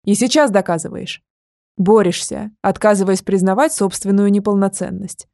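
A woman's voice: mid-range voice, steady tone, moderate pace, vocal fry, a little mellow, dry recording, clean studio sound, natural voice. A woman voicing a young male dragon who presses his point urgently and insistently.

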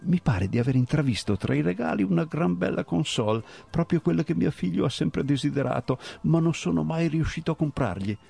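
A man reading aloud and voicing an older customs officer who talks slowly in a smooth, falsely friendly way, with a gravelly, husky voice. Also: on the high side, lively intonation, mellow, voice pushed up, full character voice. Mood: scheming. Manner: smooth, falsely affable, drawn out. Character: smiling, scheming older male customs officer.

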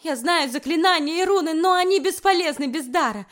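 A woman voicing a fiery young female archer who shouts back in a shrill, high voice. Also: animated, brisk. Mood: defiant, shouting.

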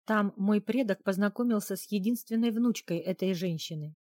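A woman reading a husband's lines in an audiobook, relating his family's history in a measured way. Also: medium pitch, dark tone, dry recording, studio quality, close to an everyday voice. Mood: admiring. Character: courteous Irish husband, storytelling man.

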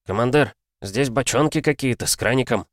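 A man voicing an excited young male tank mechanic who speaks in broken grammar. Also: medium pitch, brisk, dry recording, clean studio sound, pitched above the performer's own voice, close to an everyday voice.

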